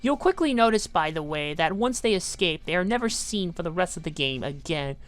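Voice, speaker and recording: Brief: woman game reviewer, low but lively voice, sarcastic narration. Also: a little fast, faint music behind. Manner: dry, sarcastic asides. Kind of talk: scripted video-essay narration.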